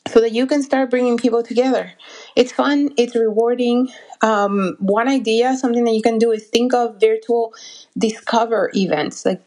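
A woman in her forties giving a motivational solo talk as a business coach and podcast host, earnest and encouraging, often pausing and restarting as she searches for words. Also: medium pitch. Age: 40s.

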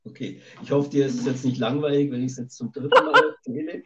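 A male author being interviewed for a remote podcast speaks over a satellite call line with a dull lo-fi sound. His mid-range voice is fast and fairly bright, with fairly even intonation. He rambles thoughtfully, hesitating a lot.

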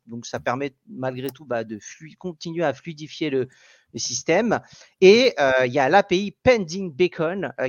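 A man's voice: on the high side, no room sound, lo-fi sound. A man hosting a casual tech podcast, explaining news with many fillers and restarts. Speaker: podcast host.

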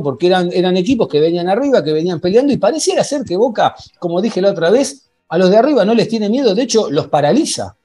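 High-voiced Argentine man hosting sports podcast. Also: mellow. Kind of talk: conversational football recap. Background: faint music.

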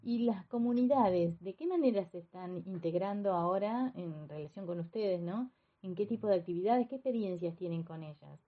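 A woman with an Argentine accent, interviewing and asking gentle follow-up questions. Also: lowish voice, moderate pace. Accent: Argentine Spanish. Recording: tinny phone line.

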